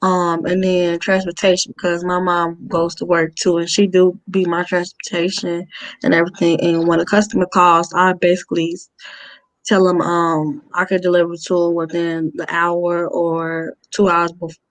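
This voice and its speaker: A woman's voice: on the low side, completely flat delivery, normal speed, no echo, low-quality recording. A woman answering an interview in a plain, matter-of-fact way with informal grammar. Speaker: guest, young business owner.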